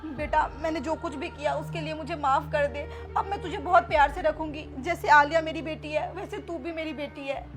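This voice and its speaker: A woman's voice: high-pitched, steady tone, moderate pace, music in the background, natural voice. A woman playing a harsh, bossy middle-aged mother-in-law in a family melodrama, talking to her daughter-in-law. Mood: gentle, remorseful. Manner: bossy, scolding, then pleading. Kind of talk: amateur family melodrama acting.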